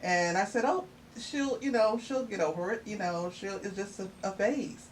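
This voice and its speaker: A middle-aged mother, guest on her child's podcast, talks casually and reflectively, laughing often and using lots of fillers. Her voice is mid-range at normal speed, picked up by a distant mic with faint noise.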